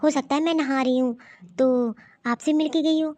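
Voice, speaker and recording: A woman voices a mild, busy young daughter-in-law in an animated cartoon story, a character who is puzzled and often talks to herself. Her voice sits high and sounds natural, at a moderate pace.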